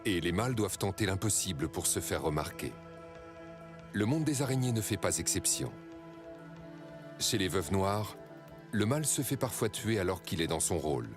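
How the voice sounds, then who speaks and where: Deep-voiced man narrating a nature documentary, expressive. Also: normal speed, long pauses, music in the background.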